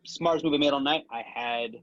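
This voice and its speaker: A man's voice: mid-range voice, brisk, fairly bright tone. Brief: young adult man, rambling self-deprecating storyteller, mid-range voice, a bit muffled recording. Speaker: guest, old friend. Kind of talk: casual chat between old friends.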